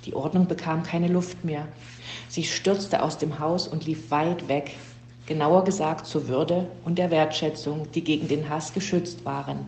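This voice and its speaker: A woman reading a children's story aloud in a steady, even storybook narration. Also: low voice, measured pace, roomy sound, a little hiss or hum.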